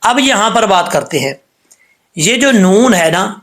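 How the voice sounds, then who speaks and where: A man teaching Quran reading in a patient lesson, spelling out syllables slowly and checking often that the learner follows. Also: sits high, sing-song, fairly bright tone. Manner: patient, repeats each syllable slowly and asks "ٹھیک ہے؟" often. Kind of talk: recitation lesson.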